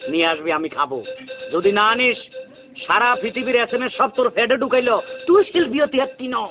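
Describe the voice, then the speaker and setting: A high-voiced man plays a bossy, food-greedy music teacher in a comedy skit. The sound is thin and phone-like, with loud music behind him. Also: lively intonation. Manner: bossy, greedy, sings off-key in a drawn-out way. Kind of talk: comic skit acting. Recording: tinny lo-fi audio with loud music.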